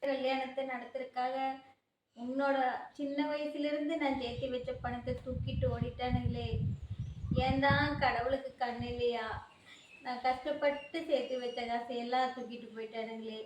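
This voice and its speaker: A woman's voice: sits high, level tone, moderate pace, roomy sound, a little hiss or hum, natural voice. A woman playing a poor mother who has lost her savings, pleading and lamenting in a home-made family skit.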